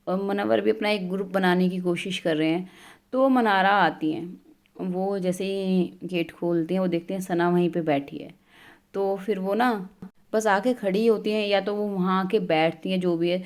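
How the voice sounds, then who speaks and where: A woman's voice: medium pitch, fairly even intonation, normal speed, darkish tone. A young woman hosting a gossip channel who recaps events in a casual, chatty way with hesitant fillers. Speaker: host of a celebrity gossip channel.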